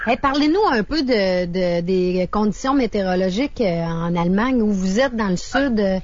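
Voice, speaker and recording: A woman's voice: mid-range voice, expressive, moderate pace. A woman co-hosting a radio interview, putting brief questions to the guest. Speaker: radio co-host. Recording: dull sound, faint hiss.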